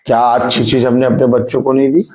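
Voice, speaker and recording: A man's voice: mid-range voice, level tone, fast talker, a little mellow, rough recording. Man preaching, firing rhetorical questions. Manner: fires rhetorical questions at the congregation. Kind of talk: sermon with call-and-response.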